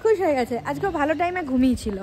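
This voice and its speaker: A woman's voice: sits high, animated, racing, dark tone, slight background noise, rough recording. A woman vlogging her family's day in casual chat, talking to the camera and cooing at her small daughter. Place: home and nearby streets.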